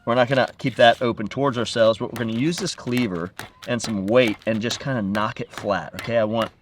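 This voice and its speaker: A man chef giving an energetic, upbeat cooking demonstration, talking straight to his viewers. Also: mid-range voice, fairly quick, a little hiss or hum.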